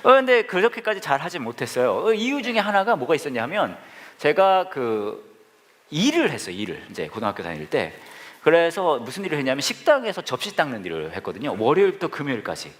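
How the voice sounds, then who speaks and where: Lively, animated male pastor preaching. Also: a little high, quick pace. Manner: humorous storytelling with asides to the congregation. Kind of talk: sermon.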